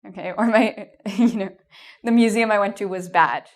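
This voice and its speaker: With a medium pitch and moderate pace, an English teacher with a Canadian accent walks through exam tips in a video lesson. Frequent "um"s and "okay?" checks run through her encouraging, reassuring delivery.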